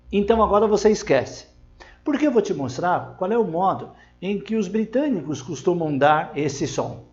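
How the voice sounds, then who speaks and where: A man teaching an online lesson. He explains pronunciation step by step, models English words slowly and keeps checking in with the viewer. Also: sits high, a little mellow, highs cut off. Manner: frequent checking tags to the viewer.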